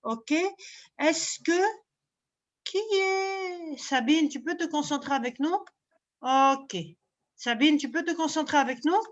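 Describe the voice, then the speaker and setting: Woman teacher on a video call, talks real slow and patient, repeats words, keeps praising the kids, kinda muffled audio. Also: high voice. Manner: patient, repeats each word pair slowly, praises pupils often. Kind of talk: online vocabulary lesson.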